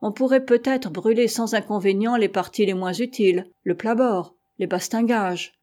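A woman reading an audiobook voices a loyal boatswain who speaks politely and with care. The tone is mellow and dark, and the manner is a little hesitant. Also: medium pitch, moderate pace, lightly acted. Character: loyal, careful male boatswain.

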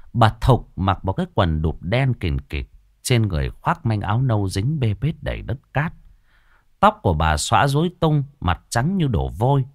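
A man's voice: lowish voice, no echo, studio quality. A man narrating a village horror story in a dramatic, ominous way.

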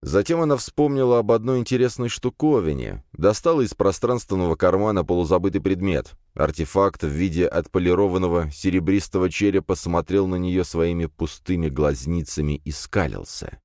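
Deep-voiced man narrating a fantasy audiobook. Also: fairly quick, hardly any pauses, no room sound, clean studio sound. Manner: expressive storytelling.

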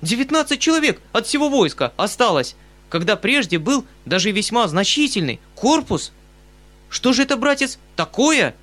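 Мужчина читает за пожилого добродушного отставного полковника, который восклицает и суетится. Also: male voice, very high voice, sing-song, moderate pace, a bit bright, voice pushed up, exaggerated voice. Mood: excited. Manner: exclaiming, fussy, eager. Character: excitable good-natured retired male colonel, older.

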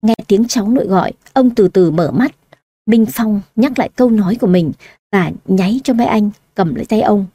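A woman narrating a story audiobook-style with a steady, even reading. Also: mid-range voice, normal speed, no room sound, clean studio sound.

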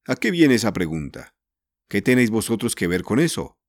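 A gruff, bad-tempered uncle, as a male narrator plays him, with a low, stern voice pushed loud. The storybook reading is dry and close. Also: very animated, normal speed, dry recording.

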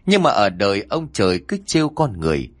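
A man telling a scripted horror story in a lively, dramatic way. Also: on the low side, fairly quick, no echo, clean studio sound.

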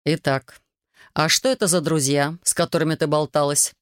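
A woman's voice: deep voice, fairly even intonation, moderate pace, clear, resonant tone, dry recording, studio quality, lightly acted. A woman doing a stern, strict father. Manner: stern, clipped questioning.

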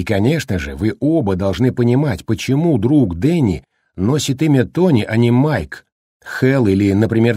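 A man voicing a calm, measured male doctor in an audiobook thriller, speaking in a slightly raised, husky voice. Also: medium pitch, no room sound, studio quality. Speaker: doctor in the story. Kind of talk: audiobook character reading.

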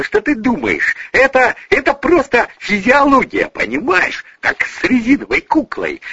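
A man's voice: extremely high pitch, creaky, pushed and bright, breathy edge, dry recording, pitched above the performer's own voice, heavily acted. A man voicing a flustered, lecherous older man who mumbles wheedling excuses, in a dull lo-fi recording.

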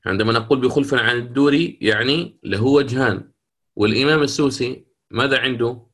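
A male teacher giving a recorded lecture on recitation. His pitch sits in an ordinary middle register. He explains a rule, asks the class a question and answers it himself, then stretches each example word out slowly. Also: fairly bright tone. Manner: explains rules then models words in slow drawn-out recitation. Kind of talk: recorded lecture on Quranic readings.

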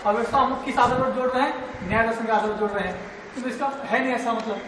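Indian guy student arguing his point, really high voice, echoey hall, far off mic. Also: fairly even intonation, quick pace, background noise. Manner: insistent, argumentative. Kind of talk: classroom debate.

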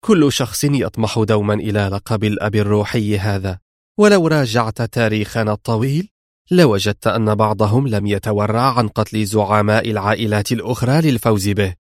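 A man voicing a proud, sharp-tongued woman who heads a crime family, speaking sternly and mockingly in an audiobook reading. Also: fairly low pitch, brisk, no echo, clean studio sound, close to an everyday voice.

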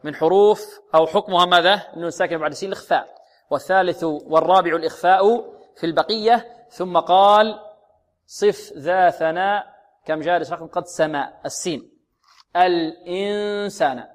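High-voiced man teaching Quran recitation. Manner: asks and answers his own questions, slow drawn-out demonstrations. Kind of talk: tajweed lesson.

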